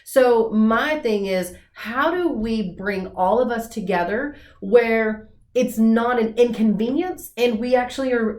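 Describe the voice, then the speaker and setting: A woman speaking in a casual team meeting, eager and talkative, cutting in excitedly to share ideas. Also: on the high side. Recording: echoey room.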